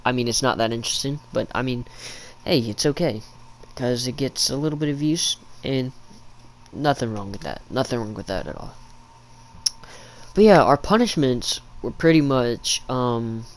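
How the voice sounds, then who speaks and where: Young adult man, middle pitch, casual YouTube storytime, slangy, rambling, living-room recording. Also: animated, normal speed.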